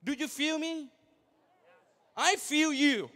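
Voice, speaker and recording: A young man from Thailand, giving an energetic motivational speech at a large convention and firing questions at the crowd. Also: extremely high pitch, slow pace. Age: young adult. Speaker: convention speaker.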